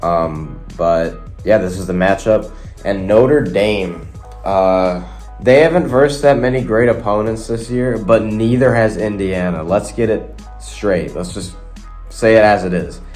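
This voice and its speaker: A young man with a cold sounds nasal as he chats casually to camera, rambling through sports predictions for his viewers. His voice is on the low side with a darkish tone and a measured pace, and faint guitar music plays behind him.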